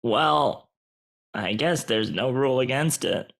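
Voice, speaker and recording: Man doing a stammering ticket seller, flustered, gravelly, lively pitch. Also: slow pace, exaggerated voice. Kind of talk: improvised comedy scene.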